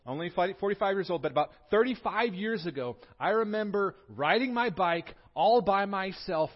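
A pastor in his forties from Southern California, who prays quietly and then preaches in a lively storytelling way with touches of humor. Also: high voice, normal speed, lo-fi sound. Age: 40s. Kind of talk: sermon.

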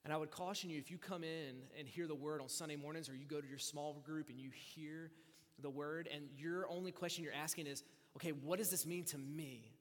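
A man's voice: a little high, a little fast. Man preaching in a reverberant hall. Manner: conversational, acts out listeners' voices, swings from hushed to loud. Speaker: pastor. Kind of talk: sermon.

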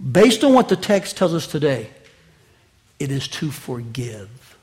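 A pastor preaching a conversational sermon to his congregation, swinging between loud, raised lines and quiet, slow asides, and joking with the listeners. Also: very animated. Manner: conversational preaching with wide swings of pitch and loudness; jokes with the congregation.

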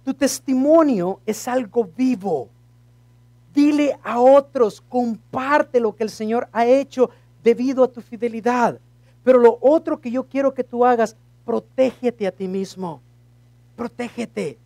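Spanish-preaching pastor slipping into English. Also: male voice, a little slow, dry recording. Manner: shifts from loud and lively to low and quiet. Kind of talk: sermon.

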